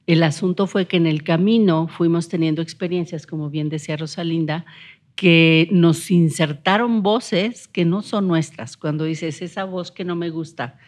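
A woman psychologist speaks in a lowish voice as a podcast guest. She explains earnestly, putting weight on her key points. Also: a little mellow. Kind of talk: casual podcast conversation.

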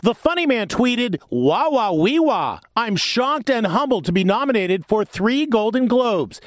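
A man's voice: very high voice, very animated, measured pace, dry recording, shouting, studio quality. A man reading scripted tabloid TV news narration as an entertainment reporter. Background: music bed.

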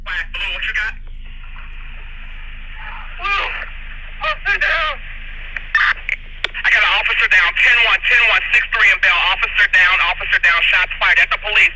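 A man's voice: high-pitched, expressive, moderate pace, pauses often, sharp tone, breathy edge, low-quality recording. A man calling over a police scanner radio, urgent and in distress, repeating clipped calls. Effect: police scanner radio transmission.

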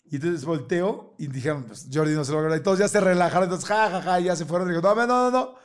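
A middle-aged Mexican man with a notably high voice tells a funny story in a relaxed chat. He is lively and animated, often breaks into laughter, and slips into other people's voices as he goes. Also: fast. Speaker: guest telling a story. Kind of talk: casual anecdote.

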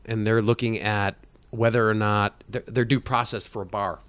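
A man's voice: on the low side, little pitch movement, moderate pace, fairly bright tone, smooth. Man, mid fifties, guest explaining things, rambling, restarts, casual chat. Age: 50s. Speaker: guest, state agency head.

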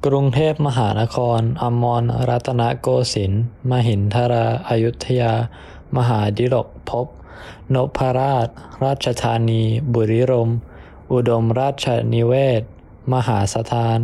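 Teenage boy rattling off a name fast. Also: medium pitch. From Thailand. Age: teens. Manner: rapid, even recitation. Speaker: guest reciting a city name.

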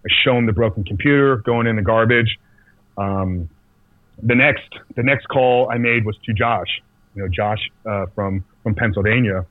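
A man telling a personal story as a podcast guest in a casual, halting way, full of restarts and fillers. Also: fairly low pitch, dry recording. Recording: tinny phone-like dry sound.

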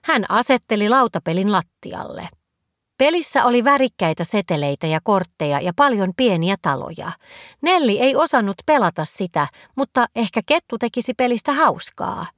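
A woman's voice: mid-range voice, expressive, a bit bright, dry recording. Woman reading a children's story.

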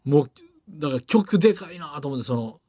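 Animated high-pitched man with a Kansai accent. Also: fairly quick. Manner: animated storyteller, acts out voices. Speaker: radio show co-host. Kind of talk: casual chat.

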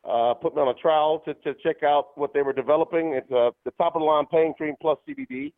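A man's voice: on the high side, lively intonation, fairly quick, vocal fry. A man in his fifties calling in as a radio guest, talking eagerly with lots of "uh" fillers. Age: 50s. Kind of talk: phone-in interview. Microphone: phone. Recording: tinny phone line.

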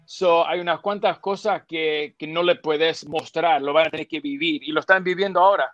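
Man, football pundit, fillers, emphatic, slightly high voice, dry studio sound. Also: steady tone, normal speed, a bit bright, no room sound, lo-fi sound, faint music behind. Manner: emphatic, repeats points, mixes English fillers like "so" and "yeah". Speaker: football pundit, former player. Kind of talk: studio sports panel discussion.

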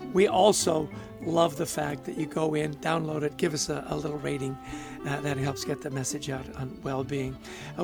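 A man co-hosting a podcast in casual chat, enthusiastic and quick to laugh. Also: fairly high pitch, gravelly. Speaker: podcast co-host.

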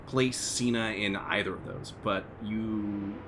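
A man's voice: lowish voice, steady tone, slow pace, noisy background. A man running a tabletop role-playing game as game master, explaining results in a loose, rambling way full of fillers. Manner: rambling, many fillers like "like" and "you know". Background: background music.

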